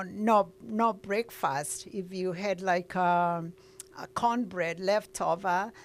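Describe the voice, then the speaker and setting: A middle-aged woman with a Kenyan accent, telling her life story as an interview guest in an earnest way. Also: fairly low pitch. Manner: earnest storytelling, with frequent uhs.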